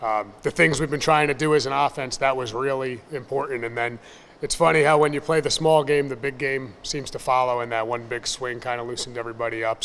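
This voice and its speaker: Brief: man in his thirties, baseball coach at a postgame presser, steady and upbeat, table mic, reverberant room with faint noise. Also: mid-range voice. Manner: measured, upbeat, plain-spoken with fillers. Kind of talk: postgame press conference answers. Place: press room in front of a sponsor backdrop. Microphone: table mic on a stand.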